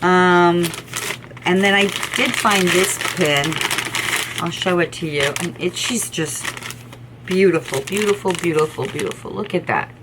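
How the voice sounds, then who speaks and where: A middle-aged woman chats to camera about her knitting, enthusiastic and rambling, with plenty of ums and repeated words. Her voice sits a little low for a woman. A faint hum of room noise runs behind her. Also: takes it slowly. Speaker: knitting podcast host. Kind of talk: casual chat to camera.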